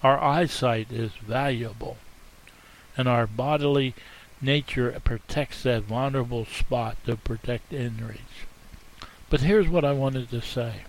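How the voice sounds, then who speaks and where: A man preaching a sermon as a pastor, speaking earnestly in short, measured phrases. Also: medium pitch, rough recording.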